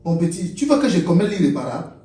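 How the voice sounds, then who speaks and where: In this comedy web series, a man with a Cameroonian French accent plays a stern, blustering older stepfather who won't stop scolding, repeating himself and making demands. His voice is high-pitched, sing-song and dark in tone, and he talks fast. The recording sounds roomy and echoey, with him far from the mic and light music behind.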